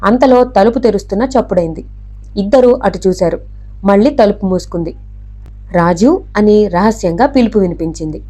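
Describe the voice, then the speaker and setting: Mellow woman reading a novel aloud. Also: mid-range voice, brisk. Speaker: narrator.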